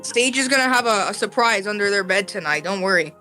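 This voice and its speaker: Blunt, foul-mouthed woman, sharp bright tone, faint music behind. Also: mid-range voice, lively intonation, fast talker. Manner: blunt, profane, defensive. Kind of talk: casual group chat.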